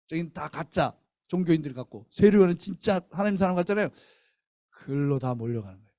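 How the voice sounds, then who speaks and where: Lively storytelling male preacher. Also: on the high side, fast, dry recording, studio quality. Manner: lively storytelling, rhetorical questions. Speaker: guest missionary preacher. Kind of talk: revival sermon. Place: church sanctuary.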